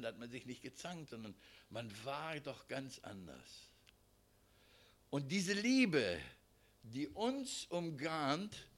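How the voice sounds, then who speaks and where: A man preaching a sermon, addressing the congregation directly and swinging between loud emphasis and hushed asides. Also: on the low side, creaky.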